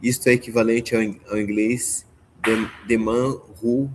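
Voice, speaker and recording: A man's voice: medium pitch, level tone, unhurried, slight background noise, rough recording. A man taking part in a language lesson as a student, carefully explaining grammar with hesitant restarts. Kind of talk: reading aloud in a lesson.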